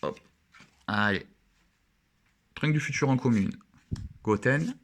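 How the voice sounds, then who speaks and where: A man's voice: medium pitch, expressive, slow. A young man chatting casually and with enthusiasm as he opens trading cards and admires each one. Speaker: card opening vlogger. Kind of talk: casual card-opening commentary.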